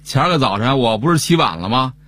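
Lively man telling a story. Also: medium pitch, fast talker. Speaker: son in a family comedy sketch. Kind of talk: scripted radio comedy dialogue.

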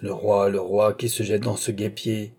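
A man's voice: lowish voice, flat delivery, moderate pace, dark tone, slightly rough. A man voicing a wary, deferential male secretary in an audiobook, teasing his master. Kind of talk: audiobook character reading.

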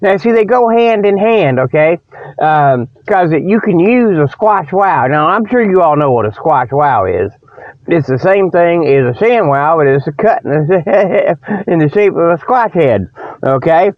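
Slightly high-pitched and animated, this man speaks a little slowly while hosting a humorous report show, rambling through a comic radio monologue with mock sponsor pitches. His delivery is folksy, colloquial and meandering, often losing the thread, and a lingering cold gives him a slight frog in the throat. The audio is lo-fi and dry.

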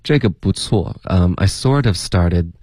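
Working as a pronunciation coach, a man with a deep, low, darkish voice patiently corrects sounds and slowly repeats them as models, mixing English words into his explanations. He sounds animated, and the close, dry recording has no echo.

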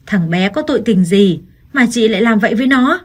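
A harsh, accusing older mother-in-law from a storybook reading, put on by a woman narrator. She scolds shrilly and spitefully, and her voice carries a husky, breathy edge. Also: mid-range voice, expressive, brisk. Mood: furious.

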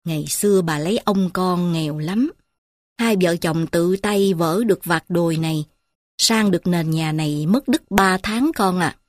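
Woman doing an old grandmother, low and soft, slow confiding murmur, dry close storybook reading. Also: no room sound, lightly acted. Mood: tender, sorrowful. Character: poor old village grandmother, gentle and grieving.

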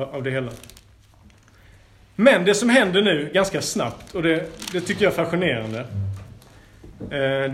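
Lively, high-voiced male Bible teacher. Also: a little hiss or hum. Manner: lively, with playful asides. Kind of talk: Bible lesson with scripture reading.

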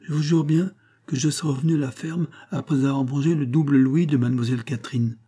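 A man's voice: mid-range voice, steady tone, fast talker, dark tone, husky, voice pushed up, natural voice. A man reading aloud as a naive young peasant lad who talks in an earnest, pleading way. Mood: eager.

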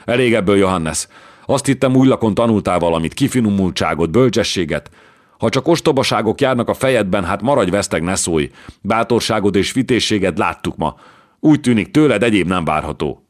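A man voicing an impatient, stern older king who speaks in sharp, commanding rebukes. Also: rumbling low, steady tone, few pauses.

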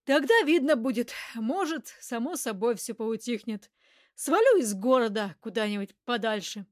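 A woman reading an audiobook, voicing a rough, hot-tempered man who shouts and talks coarsely. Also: fairly high pitch, expressive, moderate pace, dry recording, studio quality, natural voice. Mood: gruff. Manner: shouting, coarse street talk.

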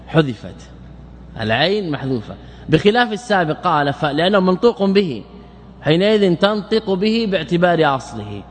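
A man's voice: high voice, very animated, fairly quick, a little hiss or hum. A man teaching Arabic morphology as a sheikh, repeating words and asking and answering his own questions. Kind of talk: classroom lecture explaining grammar. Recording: long reverberant hall.

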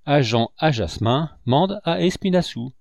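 A jovial, boastful middle-aged barber from a storybook, declaiming with swooping, animated pitch, as a male narrator puts him on. He sounds exuberant and sure of himself. The voice is close and dry. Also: unhurried, gravelly, no echo. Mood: enthusiastic. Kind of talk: audiobook character voice.

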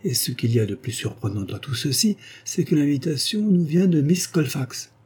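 A man's voice: a little high, sing-song, moderate pace, darkish tone, breathy edge, voice pushed up, full character voice. A man reading aloud, voicing a young head law clerk who speaks in a solemn tone.

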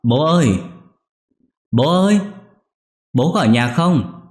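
A man voicing a grown son who shouts loudly and frantically in a strained, raised voice. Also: animated, takes it slowly. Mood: calling. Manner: loud, high, panicked shouting.

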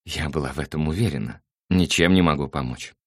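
A man's voice: extremely low pitch, a little fast, no echo, studio quality. A man voicing an offended female office colleague in an audiobook, speaking cold and clipped. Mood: wounded.

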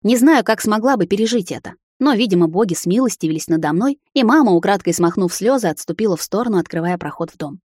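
A woman reading a romantic fantasy novel aloud in the first person, soft and even. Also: mid-range voice, quick pace, few pauses, breathy edge, no room sound, studio quality. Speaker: audiobook reader. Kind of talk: scripted first-person narration.

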